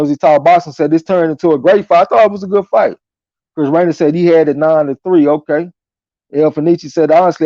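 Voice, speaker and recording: Mellow, slangy man hosting a boxing stream. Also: a little high, no room sound. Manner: slangy, profane, conversational. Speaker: live stream boxing commentator and host. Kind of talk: casual live chat commentary, reading viewer comments aloud. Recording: dull lo-fi audio.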